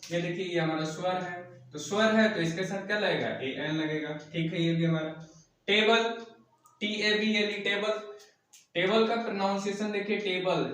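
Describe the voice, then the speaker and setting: Echoey high-voiced male teacher far from mic. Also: a bit bright. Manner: asks and answers his own questions, spells words letter by letter. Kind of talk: classroom grammar lesson.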